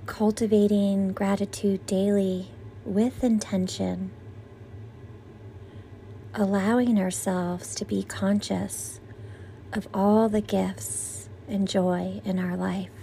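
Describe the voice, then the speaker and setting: A woman leading a guided meditation as its teacher, soothing and gentle like a sleep story narrator, with breathy exhales on breathing cues. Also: mid-range voice, level tone, takes it slowly, slight background noise.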